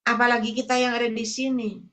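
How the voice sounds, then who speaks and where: A woman evangelist delivers a sermon in a high, bright voice. She tells her stories directly to the congregation and keeps calling them brothers and sisters. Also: flat delivery, fast. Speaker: evangelist preacher.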